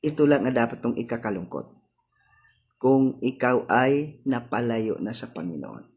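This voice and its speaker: A man's voice: medium pitch, lively intonation, moderate pace, creaky, a little mellow, husky. A man with a Cebuano accent preaching a sermon, mixing languages, repeating his lines and checking on listeners with "hello?".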